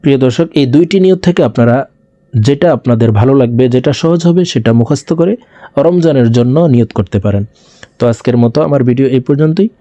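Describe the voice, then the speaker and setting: A man teaching viewers to recite a fasting intention, speaking slowly and drawing out each phrase for them to repeat. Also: medium pitch, warm tone, no echo, dull audio. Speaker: religious teacher. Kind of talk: slow recitation lesson.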